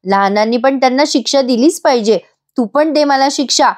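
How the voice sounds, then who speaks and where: Woman narrator voicing a sister-in-law, young, apologetic, earnest, coaxing, higher pitch. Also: normal speed, natural voice. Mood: remorseful. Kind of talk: voice-over recap reading a character's lines.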